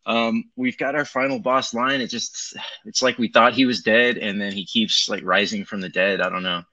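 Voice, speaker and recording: This crypto market commentator has a lowish voice with fairly even intonation and a sharp tone, speaking at a moderate pace. Going over crypto charts on a livestream, he rambles loosely with plenty of ums, and his Bluetooth headset makes him sound tinny.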